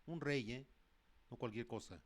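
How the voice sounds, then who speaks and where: A male preacher, mid-pitched and unhurried, working through a Bible passage. He reads verses with rising emphasis and then drops into plain, conversational explanation, often pausing to correct himself. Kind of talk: sermon with Bible reading.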